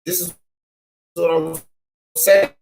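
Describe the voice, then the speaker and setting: Man, argumentative, slow speaker, raised pitch, remote call audio breaking up and cutting out. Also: flat delivery, gravelly, a little mellow, husky. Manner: argumentative, interrupting. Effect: choppy online call breaking up, voice cutting in and out. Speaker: panelist on a boxing talk stream. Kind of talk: heated casual debate.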